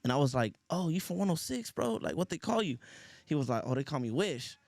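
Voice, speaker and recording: A man's voice: fairly high pitch, very animated, a little fast, gravelly, darkish tone, no echo. A man from Los Angeles, a rapper guest, telling his story in laid-back street slang in a casual interview. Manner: laid-back street slang, frequent laughs and "you feel me".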